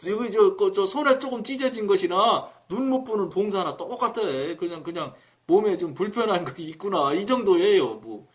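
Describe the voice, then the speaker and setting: A man preaching on his own broadcast, telling a story in a colloquial, animated way and acting out the dialogue. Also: high voice, moderate pace, few pauses. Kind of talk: storytelling sermon.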